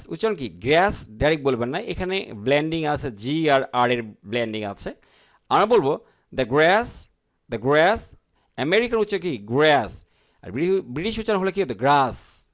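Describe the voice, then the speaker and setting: A man teaching English grammar and translation in a lesson, explaining word by word, asking and answering his own questions, and reading the English sentences slowly. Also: a little high. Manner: explains word by word, often checking in with "ঠিক আছে?".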